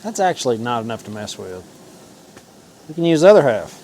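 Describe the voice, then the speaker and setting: A man's voice: medium pitch, big pitch swings, a little fast, darkish tone. A man hosting a home cooking vlog, talking to the camera in a casual, folksy, informal way as he cooks. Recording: clear sizzling and frying noise. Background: food sizzling on a grill.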